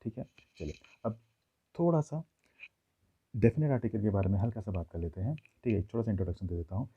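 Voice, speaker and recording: A man teaching a classroom grammar lesson, explaining slowly and checking in with his listeners often. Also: fairly low pitch, breathy edge. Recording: tinny phone-like audio.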